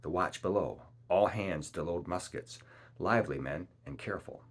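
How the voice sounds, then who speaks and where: A man's voice: low voice, moderate pace, slightly rough. A man voicing a stern middle-aged ship captain who gives clipped, commanding orders.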